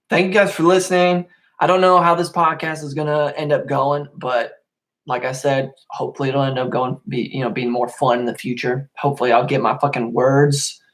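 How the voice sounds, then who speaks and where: A young man hosting a casual solo podcast, rambling and swearing a lot, getting worked up and then calming down. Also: medium pitch. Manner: rambling, profane, easily worked up. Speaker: podcast host.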